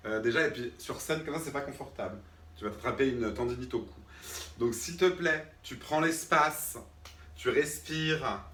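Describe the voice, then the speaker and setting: A man's voice: medium pitch, sharp tone, a little hiss or hum. A man playing an irritated drama teacher who talks to unseen students, patient at first and then fed up, always asking if they agree. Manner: patient then irritated, keeps checking with "d'accord?". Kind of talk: comic one-man sketch. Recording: roomy sound, mic far off.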